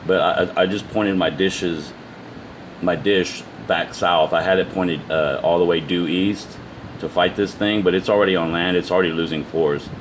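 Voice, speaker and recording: Low deep guy just explaining stuff off the cuff, keeps repeating words, bit of hum behind him. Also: fairly even intonation. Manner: halting, repeats words and trails off. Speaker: amateur video presenter. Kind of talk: casual unscripted explanation to viewers.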